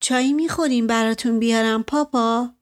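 A woman voicing a gentle, attentive young daughter in an audiobook, speaking softly and soothingly. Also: a little high, fairly even intonation, close to an everyday voice. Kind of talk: audiobook character voice.

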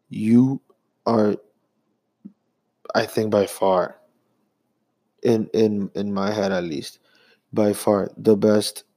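A young man rambling through a profane, casual sports rant as a vlogger, jumping between fast bursts and drawn-out phrases. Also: fairly low pitch, gravelly, dark tone, no echo.

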